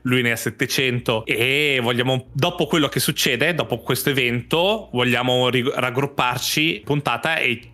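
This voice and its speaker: A man's voice: medium pitch, moderate pace, hardly any pauses, pushed and bright. A man co-hosting a podcast, chatting casually about video games and rambling with many restarts. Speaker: podcast co-host.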